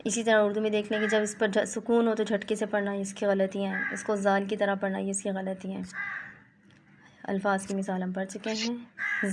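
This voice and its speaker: A young woman teaching Quran recitation, demonstrating each letter sound slowly and then explaining it, with a few English phrases mixed in. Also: medium pitch, noisy background. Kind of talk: online lesson on letter pronunciation.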